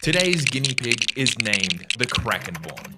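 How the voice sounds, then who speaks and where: A man's voice: mid-range voice, very animated, unhurried, very noisy. A man hosting a gaming video, delivering scripted commentary in a sarcastic, jokey manner with frequent swearing. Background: background music.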